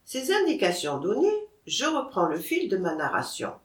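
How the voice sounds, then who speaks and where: A woman narrating a classic novel as an audiobook in an animated, theatrical manner. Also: mid-range voice, normal speed, echoey room, recorded from a distance. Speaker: audiobook reader.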